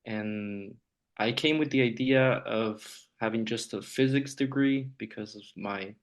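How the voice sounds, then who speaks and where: A Honduran man whose native language is Spanish speaks in a lowish voice at a slightly slow pace. He is a nuclear trainer appearing as a podcast guest, answering questions conversationally.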